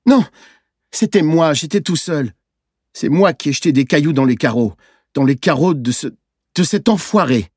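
Storybook figure: a male reader doing a tearful frightened boy, pleading, pitched high, dry close sound. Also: animated, moderate pace, few pauses, darkish tone, no room sound. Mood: distraught.

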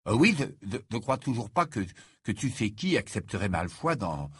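A man's voice: fairly low pitch, sing-song, moderate pace, a bit bright, breathy edge, dry recording, exaggerated voice. A man voicing a scoffing, incredulous teenage boy wizard. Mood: doubtful.

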